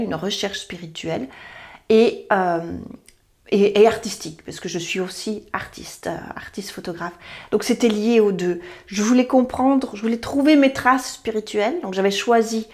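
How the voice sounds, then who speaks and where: A woman's voice: mid-range voice, normal speed, darkish tone. A woman, a therapy practitioner talking earnestly to camera, rambling and correcting herself as she goes. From Belgium. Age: 50s. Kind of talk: personal talk to camera.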